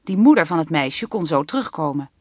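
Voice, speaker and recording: A woman narrating a children's book audiobook with even, clear storytelling. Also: low voice, fairly quick, dry recording, studio quality.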